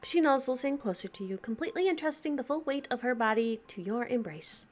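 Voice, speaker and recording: A woman with a high, very lively voice reads a visual novel aloud for her let's play, dropping into giggly asides between lines. Soft game music plays faintly behind. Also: brisk.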